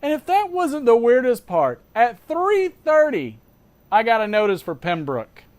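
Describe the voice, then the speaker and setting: A man hosting a casual show, chatting as an animated storyteller with sarcastic asides, emphatic repetition and rhetorical questions. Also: extremely high pitch, unhurried. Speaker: host of a pipe-smoking show. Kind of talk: casual chat.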